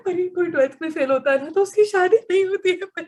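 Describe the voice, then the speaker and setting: A woman's voice: extremely high pitch, fairly quick, mellow. A woman playing a gloomy, melodramatic teenage schoolgirl in an amateur church skit, wailing and theatrical. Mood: wailing gloom. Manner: wailing, theatrical, doom-mongering.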